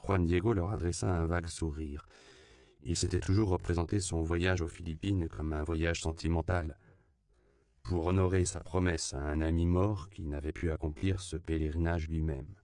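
A man reading a novel aloud in a measured, sober narration. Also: low-pitched, steady tone, warm tone, clean tone, no room sound. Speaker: audiobook narrator. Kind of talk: scripted narration.

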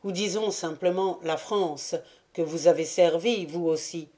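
A woman reading the lines of a stern, measured male naval officer in a storybook. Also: fairly low pitch, dark tone, natural voice. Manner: measured, severe.

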